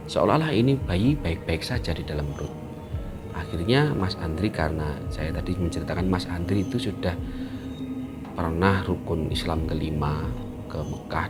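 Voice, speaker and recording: A man telling a mystery story, acting out the characters' lines with sudden loud bursts. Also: low-pitched. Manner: animated, acts out quotes with sudden loud bursts. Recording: music in the background.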